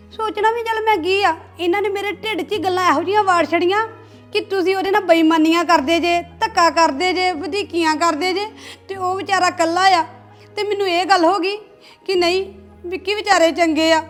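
An actress playing a young married woman in a family drama, tearful and pleading, over soft background music. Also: extremely high pitch. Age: young adult.

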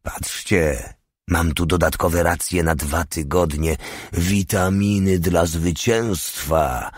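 A man's voice: deep voice, fairly even intonation, takes it slowly, no room sound, studio quality. A man reading a sly, insolent soldier. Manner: offhand, insolent. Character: cheeky, lazy male soldier, sly troublemaker.

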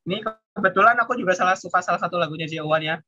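A man's voice: high voice, racing, pushed and bright. A man mentoring an online Japanese class, explaining patiently in a casual way and ending his sentences with a questioning tag. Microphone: video call. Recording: dull lo-fi video call audio.

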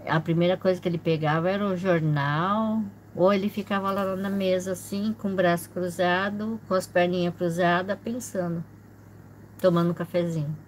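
A middle-aged woman telling a personal story on her vlog in a soft, halting way, often repeating herself. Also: on the low side, steady tone, a little hiss or hum. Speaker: channel host.

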